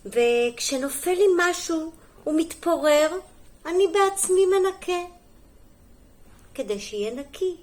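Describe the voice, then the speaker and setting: A middle-aged kindergarten teacher reading a storybook aloud to young children, gentle and sing-song, pausing for little asides and questions. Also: female voice, very high-pitched, lively intonation.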